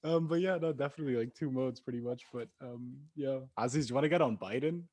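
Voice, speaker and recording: A man's voice: medium pitch, quick pace, a little mellow, breathy edge. A young man in casual banter with friends on a podcast, talking in slang and swearing freely. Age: young adult. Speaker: podcast co-host.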